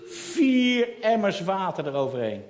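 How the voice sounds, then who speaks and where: A man telling a Bible story in a lively, animated way, asking his listeners questions along the way. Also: high-pitched, a little slow. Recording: roomy echo.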